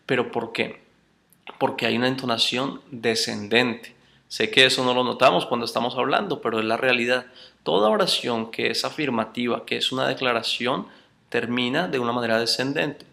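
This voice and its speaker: A man teaching a recorded course lecture, addressing his students as brothers and explaining slowly with spoken examples. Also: medium pitch, vocal fry, bright, forceful tone. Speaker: course instructor.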